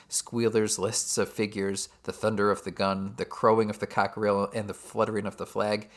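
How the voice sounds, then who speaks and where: A man with a fairly low voice reads a prepared literature summary like a teacher. His delivery is steady, and he drops wry, sarcastic asides along the way. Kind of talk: scripted book summary narration.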